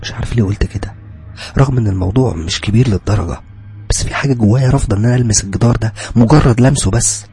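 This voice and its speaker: Hushed Egyptian horror storyteller, rapid. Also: male voice, lowish voice, faint music behind. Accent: Egyptian Arabic. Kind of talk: first-person horror narration.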